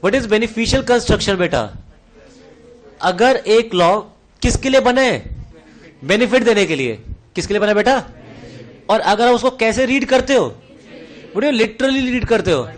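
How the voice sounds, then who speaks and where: A man with a high voice and Indian English accent runs a revision lecture in a classroom. He fires question after question at his students, calling them "beta" and answering them himself. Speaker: teacher.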